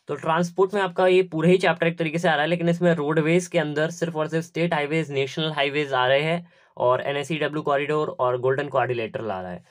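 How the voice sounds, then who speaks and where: Young male teacher, a bit high-pitched, methodical and repetitive delivery. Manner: instructive, repetitive, step by step. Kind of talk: syllabus walkthrough lesson.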